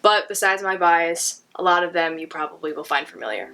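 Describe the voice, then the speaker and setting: A woman's voice: lowish voice, a little fast, pushed and bright, faint music behind. A woman narrating her own documentary film in an enthusiastic, personal way. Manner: enthusiastic, personal, laughs at times. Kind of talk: scripted narration.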